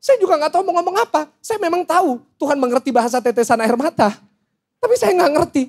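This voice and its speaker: A man's voice: very high-pitched, quick pace. A middle-aged man with an Indonesian accent preaching a sermon as pastor, asking the congregation questions and joking between points. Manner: lively, asks the congregation questions and jokes. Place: church hall.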